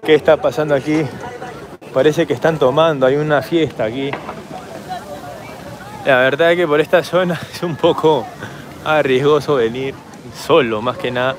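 A man with a Peruvian Spanish accent, hoarse from shouting, chatting casually to his handheld camera as he walks through a city park at night. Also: on the high side, steady tone, normal speed, pauses often, background noise. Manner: chatty, rambling, talks straight to camera while walking. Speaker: travel vlogger. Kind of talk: casual walking vlog.

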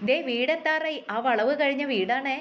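A woman voicing a curious village girl who asks quick questions in a story reading. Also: high voice, highs cut off, slight background noise, close to an everyday voice.

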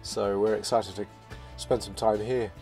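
A man narrating his sailing vlog in a relaxed, reflective voice-over, often restarting his phrases. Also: lowish voice, unhurried, creaky. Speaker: sailing vlogger. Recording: voice-over with loud music behind.

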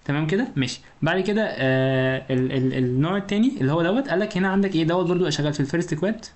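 Fast-talking Egyptian man lecturing. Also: fairly high pitch, darkish tone. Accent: Egyptian Arabic. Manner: keeps asking rhetorical questions and checking understanding; informal, talks directly to the student. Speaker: engineering lecturer. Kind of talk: recorded lecture explanation.

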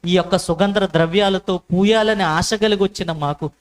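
A male preacher voicing a grieving woman at an empty tomb, pleading softly as if in tears. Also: sits high, moderate pace, lightly acted.

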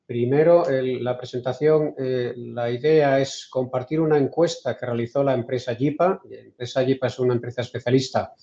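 A man from Spain with a Peninsular Spanish accent, giving an online lecture in a measured way, often restarting his sentences. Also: medium pitch, steady tone, mellow. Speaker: invited speaker. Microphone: video call. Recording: roomy, dull video call audio.

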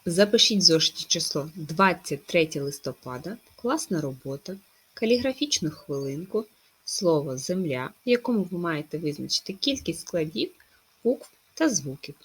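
Female primary teacher for a recorded lesson, lowish, very lively intonation, slow stressed dictation. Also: slightly rough. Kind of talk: recorded remote lesson for children.

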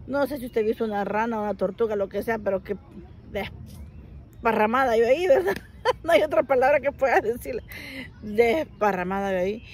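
A woman vlogger telling a childhood story to the camera in a casual, animated way, speaking to the listener formally. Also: a little high. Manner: frequent laughter while telling the story.

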